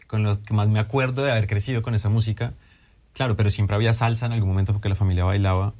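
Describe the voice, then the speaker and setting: Quick-talking Colombian man, low, warm dark voice. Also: fairly even intonation. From Bogotá, Colombia. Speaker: interview guest. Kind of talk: casual interview talk.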